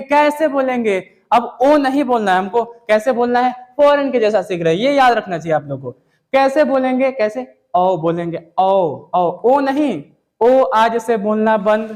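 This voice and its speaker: High-voiced man drilling pronunciation. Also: normal speed, a little mellow. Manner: repetitive, drilling students with questions; casual, says "yaar" and "bhai". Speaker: English pronunciation teacher. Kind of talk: classroom lesson.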